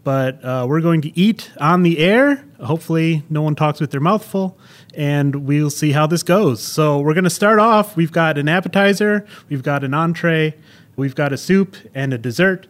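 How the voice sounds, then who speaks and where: A man's voice: a little high, normal speed. A man hosting a casual podcast recorded at a public library, introducing the show with upbeat energy. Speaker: podcast host.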